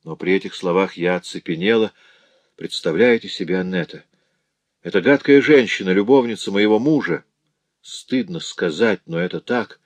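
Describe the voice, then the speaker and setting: A man's voice: low voice, expressive, normal speed, no room sound. A man voicing a poor, grieving woman who tells of her husband's cruelty in a sorrowful, pleading way.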